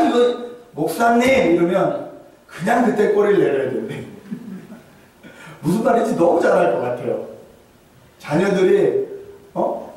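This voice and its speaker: A man preaching a sermon as pastor, lively with humor and rhetorical questions, in a church sanctuary. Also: on the high side. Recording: very echoey hall from far off.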